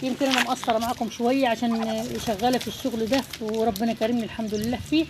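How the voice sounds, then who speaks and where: An Egyptian woman speaks in rapid, heartfelt casual chat to her viewers about raising birds. Her voice sits a bit high. Clear background noise runs under the recording. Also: fairly even intonation. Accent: Egyptian Arabic. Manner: warm, heartfelt, talks straight to her audience. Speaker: poultry-raising vlogger. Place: rooftop.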